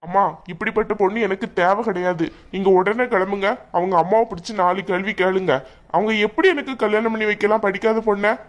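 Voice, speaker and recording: An angry young married man from a cartoon, voiced by a woman. His voice sits in an ordinary middle register. He talks in a demanding, accusing way and is quick to shout. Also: mid-range voice, steady tone, close to an everyday voice. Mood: furious. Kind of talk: cartoon voice acting.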